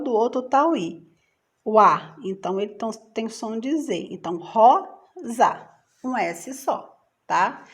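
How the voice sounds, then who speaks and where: A Brazilian woman teaching young children a spelling rule in a patient, sing-song teacher voice. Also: medium pitch. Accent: Brazilian Portuguese.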